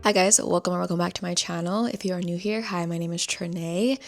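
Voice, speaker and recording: This young woman vlogs in a relaxed, chatty way, her low, creaky voice steady and fairly quick, with faint music in the background. She sounds slightly stuffy and often slips into a whisper.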